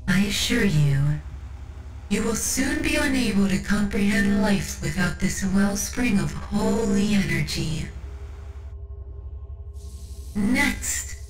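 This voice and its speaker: A woman playing a devout, motherly cyborg tech-priest in an ASMR roleplay, speaking formally, soothingly and with reverence. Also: medium pitch. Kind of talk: ASMR roleplay, scripted monologue. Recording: roomy reverb with music underneath. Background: music.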